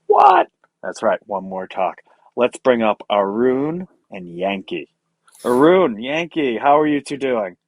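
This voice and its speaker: A man's voice: sits low, creaky, breathy edge, no room sound. A man hosting conference talks, playful and upbeat as he introduces speakers. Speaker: conference host. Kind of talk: emcee introductions.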